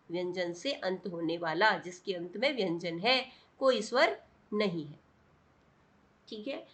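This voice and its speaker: A woman's voice: on the high side, fairly bright tone. A woman teaching a class lesson, patient and repeating checks for understanding. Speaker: Sanskrit teacher. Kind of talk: classroom explanation.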